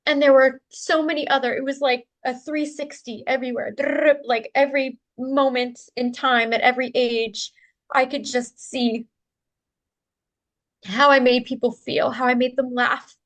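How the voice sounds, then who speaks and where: Earnest woman with a slightly high voice. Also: fairly even intonation, unhurried, fairly bright tone. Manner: earnest and open, with light laughs and fillers. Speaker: interview guest, spiritual practitioner. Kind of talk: personal storytelling in a conversation.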